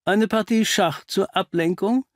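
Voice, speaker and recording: A man's voice: high-pitched, unhurried, no echo, clean studio sound, voice pushed up. A man reading an audiobook, voicing a confident, cheerful male detective who talks in a teasing, cryptic way. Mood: calm. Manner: teasing, cryptic, self-assured. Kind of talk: audiobook character voice.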